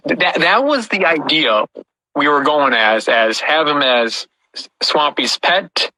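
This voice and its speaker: A man's voice: fairly high pitch, expressive, measured pace, pushed and bright, dry recording, low-quality recording. A man hosting a casual podcast about puppets, telling stories with frequent restarts. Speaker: podcast host and puppet creator.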